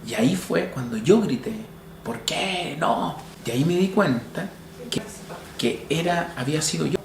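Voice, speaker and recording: A middle-aged man with a Chilean accent tells his story as a father, slow and reflective, with pauses and restarts. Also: a little high, expressive, gravelly, a little mellow, echoey room, a little hiss or hum. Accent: Chilean Spanish. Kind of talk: personal testimony.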